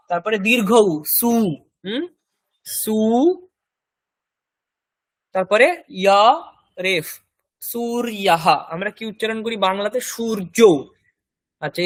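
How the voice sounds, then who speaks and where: A man with a Bengali accent teaching a Sanskrit lesson, patiently spelling each word letter by letter and repeating it slowly. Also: high-pitched, a bit bright, no echo. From India. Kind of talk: classroom language lesson.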